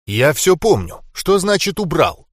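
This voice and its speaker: A man's voice: on the high side, sing-song, measured pace, dry recording, studio quality, pitched above the performer's own voice. A man doing a wordy riddling inner spirit. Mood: stern. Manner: wordy, cryptic.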